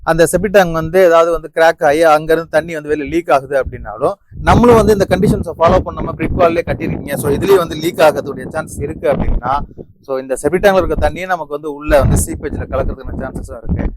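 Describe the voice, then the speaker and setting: A man with a Tamil Nadu accent talks through construction choices at a quick clip. His voice sits a little high, and he strings his points together with lots of filler words. He is speaking outdoors on a building site. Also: noisy background. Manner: fast, repetitive filler-heavy explaining. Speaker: construction designer. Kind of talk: explanatory site talk.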